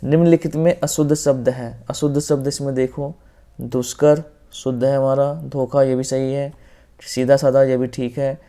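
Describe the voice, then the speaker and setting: A man with a North Indian Hindi accent teaching an exam-prep grammar lesson, going through questions step by step, repeating the correct answers and often dropping quietly at the end of a phrase. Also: mid-range voice, little pitch movement, moderate pace. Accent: Hindi-speaking North Indian.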